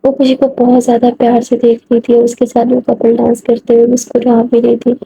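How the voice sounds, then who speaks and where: A woman's voice: on the high side, monotone, gravelly, warm tone, breathy edge. A woman narrating a love story in a casual, conversational storytelling style, with many asides. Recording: dull lo-fi audio with faint noise.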